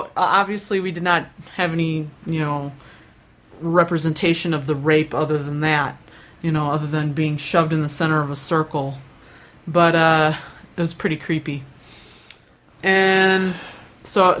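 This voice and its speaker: A young woman rambles through casual stories, full of fillers, restarts and self-deprecating asides. Her voice is deep, steady in tone and a bit bright, at a moderate pace.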